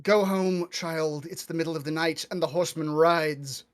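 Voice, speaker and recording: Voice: medium pitch, fairly even intonation, normal speed, no echo, studio quality. A game master voicing a grumpy, curt old village woman suspected of being a witch, whose voice comes through a closed door. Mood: grim. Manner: curt and dismissive. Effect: voice heard through a closed door.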